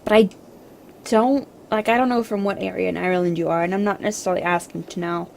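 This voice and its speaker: A woman's voice: mid-range voice, fairly even intonation, fast talker, creaky, darkish tone, slight background noise. A French Canadian woman, a native French speaker, chatting casually on a livestream and rambling with lots of fillers and restarts. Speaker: streamer. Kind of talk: casual livestream chat with viewers.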